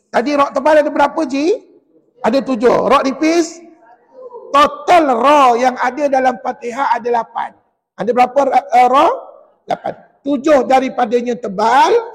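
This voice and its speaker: High-voiced Malaysian man teaching Quran recitation. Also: slightly rough. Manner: explains patiently, then chants verses slowly for the class to repeat. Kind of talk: mosque tajwid class. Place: mosque hall. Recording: long echo of a mosque hall.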